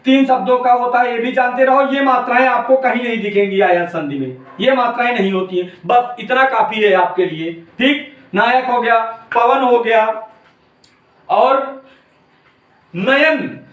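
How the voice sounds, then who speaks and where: A man teaching an exam-prep grammar lesson with a very high-pitched voice. He drills each point over and over, addressing students fondly as "beta". The recording is roomy and echoey, with the mic set some distance away. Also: unhurried, fairly bright tone.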